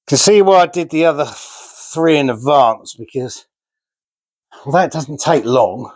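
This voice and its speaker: A man's voice: on the high side, unhurried, darkish tone, no echo. A man casually talking through a DIY build as he works, chatty and self-deprecating, on a remote mic. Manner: chatty, self-deprecating, talks while working with hands. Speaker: DIY vlogger. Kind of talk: casual how-to narration while building.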